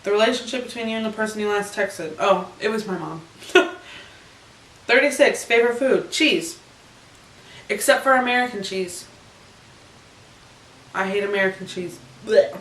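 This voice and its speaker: Young woman vlogger, giggly and rambling, mid-pitched, recorded roomy and off-mic. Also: moderate pace, long pauses, a bit bright. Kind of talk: casual chat. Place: bedroom. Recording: echoey room, camera far off.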